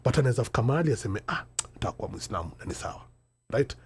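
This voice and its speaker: Amid heavy background noise, a middle-aged Kenyan podcast host speaks very fast and animatedly in a mid-range voice during a panel discussion. He flips between English and Sheng mid-sentence, talking with emphasis and posing rhetorical questions.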